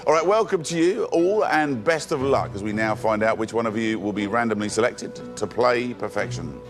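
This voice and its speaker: A man hosting a TV quiz show in a studio, brisk and jokey with the contestants, chuckling between lines. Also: on the low side, expressive, music in the background.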